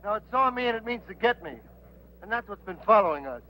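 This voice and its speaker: A man's voice: high-pitched, expressive, fast, pushed and bright. An actor playing an uneasy, brooding man who feels hunted, in grave old B-movie style. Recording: noisy old film soundtrack.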